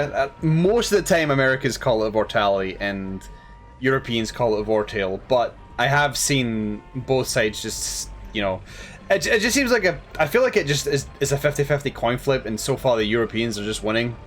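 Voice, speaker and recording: A man's voice: mid-range voice, lively intonation, moderate pace, faint music behind. A tired man chatting casually while streaming a game, rambling and laughing at himself. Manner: rambling, laughing, self-deprecating.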